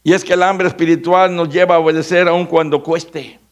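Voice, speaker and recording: A man's voice: on the high side, little pitch movement, brisk, highs cut off. A man with a Mexican Spanish accent preaching a sermon as pastor, dramatic and acting out the voices of biblical figures. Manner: dramatic, acts out biblical voices, shifts from shouting to hushed.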